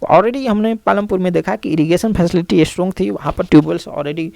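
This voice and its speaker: A man's voice: high voice, quick pace, gravelly, darkish tone, no echo. A man teaching a lesson, explaining step by step and repeating key terms with many fillers. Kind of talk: classroom lecture.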